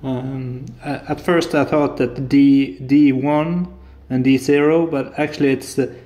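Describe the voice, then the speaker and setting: Steady in tone and a little slow, this medium-pitched male voice belongs to a Norwegian hobbyist maker in his thirties with a Norwegian accent. He hesitantly shows a home electronics build in a casual tech demo, soft-spoken and full of filler sounds. He records indoors in his apartment living room and kitchen, where the room echoes.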